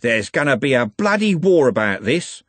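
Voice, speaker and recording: Guy doing a menacing gang boss from a novel, slangy threats, bit husky, dry sound. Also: mid-range voice, big pitch swings, normal speed, fairly bright tone, no room sound, voice pushed up. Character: menacing, sneering male street gang leader.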